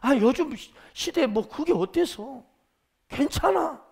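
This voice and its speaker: A pastor voicing a sly, friendly devil who coaxes in a soft, persuasive way. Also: male voice, very high voice, lively intonation, measured pace, creaky, pitched above the performer's own voice, full character voice. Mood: coaxing. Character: sly coaxing male devil tempter, friendly and sweet.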